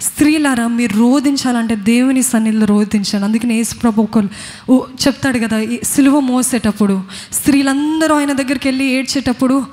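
A woman's voice: fairly high pitch, a little fast, darkish tone. A woman with a Telugu accent preaching a sermon, earnestly questioning her congregation. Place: church. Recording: long hall reverb.

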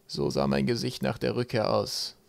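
A man voicing a gloomy, scarred male ship's mate who talks sullenly, low and slow. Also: sing-song, creaky, no room sound, exaggerated voice. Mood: bitter.

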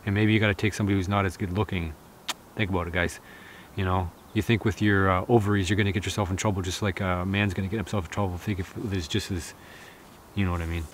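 A man's voice: low voice, fairly even intonation, quick pace, slight background noise. A man in his thirties talking earnestly to the camera outdoors in a snowy forest, giving advice with many fillers. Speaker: outdoor vlogger. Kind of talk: casual talk to camera, reading viewer comments. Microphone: camera close in front, seated.

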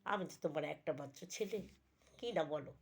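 A woman's voice: deep voice, brisk, vocal fry, slightly rough, pitched below the performer's own voice, full character voice. A woman voicing a young man who sweet-talks his father about his girlfriends. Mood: coaxing. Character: young man boasting son, lovestruck.

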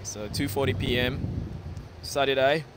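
Out on a noisy, sunny city street, a young Ghana-born man live-streams on a phone held at arm's length, with traffic audible in the background. His medium-pitched voice is a little slow, and he sounds relaxed and repetitive. He reads viewer comments aloud and fills the gaps with "okay" and "yeah."

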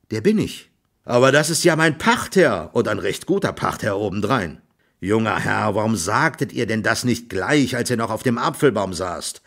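A man reading an audiobook voices an excitable, blustering middle-aged male tenant farmer who talks loudly in exclamations. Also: fairly low pitch, creaky, breathy edge, heavily acted. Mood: talking it over. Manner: loud, exclaiming, scolding.

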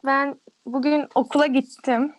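A woman's voice: high voice, little pitch movement, measured pace, no room sound, low-quality recording. A young woman, a student on a casual video call, giggly and cheerful. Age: young adult.

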